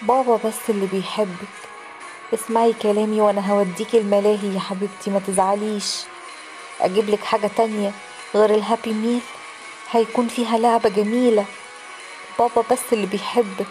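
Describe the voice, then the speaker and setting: A creepy, temperamental man, as a woman narrator puts him on, speaking Egyptian Arabic in a raised, strained voice. He coaxes sweetly and then snaps. Loud background music runs under the horror story. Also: medium pitch, steady tone, a little fast, voice pushed up, lightly acted, poor audio. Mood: coaxing. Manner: switches between syrupy coaxing and snapping. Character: creepy middle-aged man, sinister, quick-tempered.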